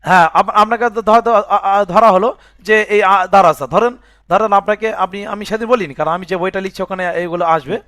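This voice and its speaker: A man with a high-pitched, slightly bright voice talks fast while teaching Quran reading, spelling words out letter by letter and checking the student keeps up. He breaks each word into letters and vowel marks, asking "বুঝে আসছে?" as he goes. The clean studio recording has no room sound.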